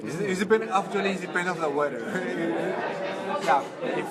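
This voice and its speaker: A young Peruvian man with a Spanish accent, answering interview questions in halting English with fillers. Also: sits high, animated. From Peru. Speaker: pageant contestant. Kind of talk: casual interview. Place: large indoor hall. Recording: loud crowd behind.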